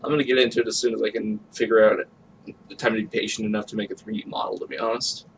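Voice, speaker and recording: A man's voice: lowish voice, level tone, very fast, a little hiss or hum, poor audio. Teasing, sarcastic male friend. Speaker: co-host friend. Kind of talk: casual chat.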